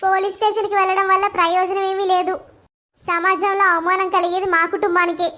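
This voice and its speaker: A woman voicing a stern, very high mother-in-law. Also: little pitch movement, a little fast, pushed and bright. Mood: accusing. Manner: commanding, accusing. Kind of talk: cartoon story voice acting.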